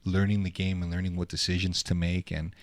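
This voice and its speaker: A man's voice: deep voice, flat delivery, brisk, no echo. A man hosting a podcast, chatting casually and loosely with lots of slang and filler words. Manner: laid-back, slangy, with lots of "like", "dude" and "bro". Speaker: podcast host. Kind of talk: casual interview chat. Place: podcast studio.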